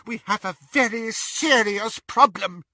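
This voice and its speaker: A man's voice: a little slow, sharp tone, no room sound, clean studio sound, exaggerated voice. A man voicing a cruel, unhinged woman who shrieks and barks orders. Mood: shrieking, commanding. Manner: shrill, screaming, commanding.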